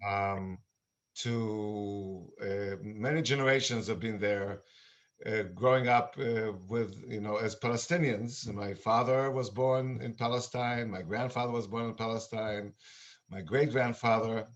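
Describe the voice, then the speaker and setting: An older man from Israel, now a musician, talking earnestly and haltingly with many fillers on a video call. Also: on the low side, fairly even intonation. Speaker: musician and meditation guest. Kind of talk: casual video-call chat. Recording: dull lo-fi video-call audio.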